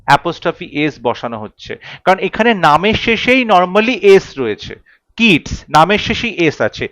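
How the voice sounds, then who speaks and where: A high-pitched man runs an English grammar class. He works through each rule step by step and asks his students questions along the way. The recording is dry, with no room sound. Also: a bit bright, dry recording. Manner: explains step by step, repeats key rules, asks students questions.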